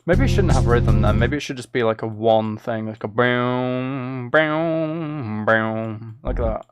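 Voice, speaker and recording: With a mid-range voice and a slow pace, a man thinks aloud to himself while making music on a casual stream, often letting thoughts trail off. Synth and drum loops from the music software and clicking play behind him.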